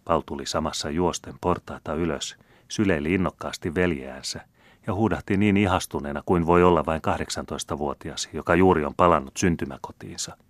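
Deep-voiced male audiobook narrator. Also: no echo. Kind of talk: scripted narration.

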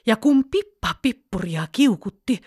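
A woman telling a children's fairy tale in an expressive, storybook way. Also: a little high, breathy edge, dry recording, clean studio sound. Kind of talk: children's bedtime story reading.

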